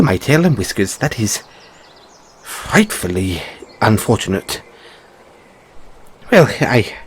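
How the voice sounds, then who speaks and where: A man's voice: mid-range voice, husky, exaggerated voice. A man playing an anxious, polite, whimsical rabbit boy in a fantasy audio roleplay, with stammered, courteous, old-fashioned phrasing. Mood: flustered, apologetic. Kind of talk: theatrical fantasy audio roleplay addressed to listener.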